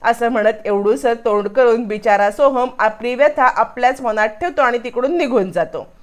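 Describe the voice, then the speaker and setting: A woman with a high voice retells a television serial episode scene by scene. She narrates plainly and steps into each character's lines herself. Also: moderate pace.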